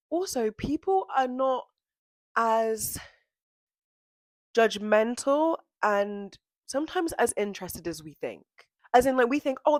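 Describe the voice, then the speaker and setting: A young woman hosts her own show, talking casually and earnestly with plenty of likes and ums. Her voice sits fairly low for a woman. The sound is close and dry, with no room around it. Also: no room sound. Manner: chatty, earnest, lots of fillers, acts out quotes. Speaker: podcast host. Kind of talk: casual unscripted monologue.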